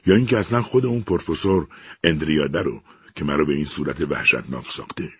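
Creepy lying machine thing in a story reading, slow harsh heavy voice, super deep, dry sound, guy doing it. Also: a bit bright, breathy edge, no room sound, full character voice. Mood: cold, gloating. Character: sinister lying talking machine, cold, cruel.

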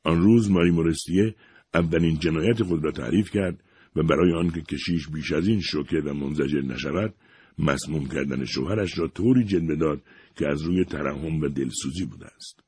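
Deep, husky male audiobook narrator. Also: a little mellow, no echo.

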